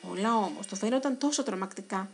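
A woman narrating a children's storybook in an expressive, dramatic way. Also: medium pitch, a little hiss or hum.

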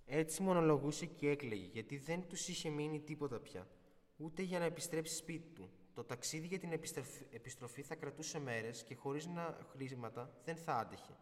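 A man's voice: a little high, big-room sound. A man narrating a folk tale expressively, with occasional small restarts. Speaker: storyteller.

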